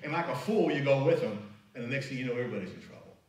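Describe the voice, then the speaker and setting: A man's voice: medium pitch, animated, rapid-fire. A man preaching a sermon as pastor, emphatic and conversational. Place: church sanctuary. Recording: very echoey church hall, mic at a distance.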